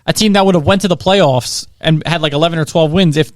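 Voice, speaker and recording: A young man co-hosting a casual sports podcast, excitable and rambling with lots of "like" and "I think". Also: fairly high pitch, fast, no room sound, clean studio sound. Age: young adult. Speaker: co-host.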